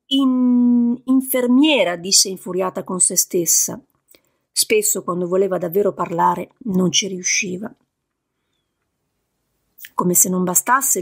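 A woman reading a novel aloud in a steady storytelling manner. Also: mid-range voice, breathy edge. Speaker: audiobook narrator. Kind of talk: scripted narration.

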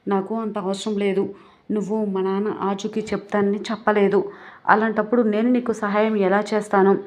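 A woman's voice: mid-range voice, little pitch movement, fairly quick, a little mellow, close to an everyday voice. A woman voicing a defiant young woman who threatens and taunts her rival. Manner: taunting, confrontational.

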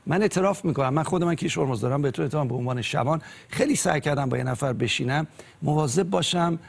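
Earnest young man with a gravelly voice. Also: a little high. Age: 20s. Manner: earnest, hesitant with fillers.

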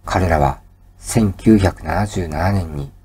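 A man giving soft, breathy pillow-talk narration of a scripted lecture, calm and soothing, as if lulling someone to sleep. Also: deep voice. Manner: calm, soothing, measured bedtime delivery.

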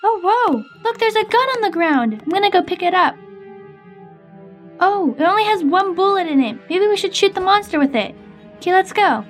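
A young woman with a very high voice improvises a role-play story as she games. She narrates in simple, expressive lines, and music plays behind her. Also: normal speed. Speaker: gaming video host and player.

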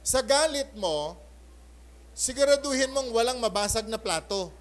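A male pastor preaching a Sunday sermon in mixed Tagalog and English, animated, often calling for an amen and shifting between loud bursts and soft asides. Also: extremely high pitch, unhurried. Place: church.

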